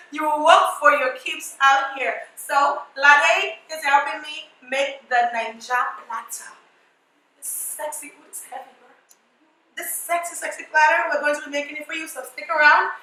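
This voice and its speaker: A young woman from Nigeria runs a casual cooking tutorial in her home kitchen, teasing and cursing for laughs. Her voice is a bit hoarse and comes out bright, with heavy echo off the kitchen walls. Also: high-pitched, moderate pace, a little hiss or hum. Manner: playful, brash, swears jokingly. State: voice partly gone. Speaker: cooking vlogger. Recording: very echoey kitchen.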